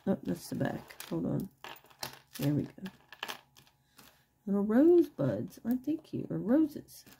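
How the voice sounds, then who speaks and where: A middle-aged woman chatting casually and quietly in a tired late-night way, with a husky, fry-laden voice, murmuring and repeating herself as she shows things off. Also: mid-range voice, wildly swooping pitch, measured pace, a little hiss or hum. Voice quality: croaky, husky voice with vocal fry. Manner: quiet, tired late-night delivery, holding the voice down while others sleep. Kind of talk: casual chat, unscripted show-and-tell. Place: indoors at home, over a wooden table.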